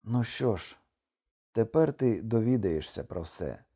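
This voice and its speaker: A man reading an audiobook, voicing a doomed young husband, tender and gloomy, with a slow, mournful delivery. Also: fairly low pitch, animated, mellow, husky, full character voice.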